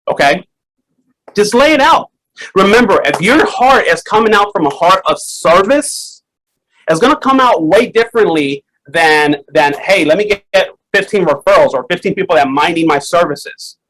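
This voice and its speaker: Animated male sales trainer with y'all. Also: high-pitched, poor audio. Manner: energetic, animated coaching, addresses audience as y'all.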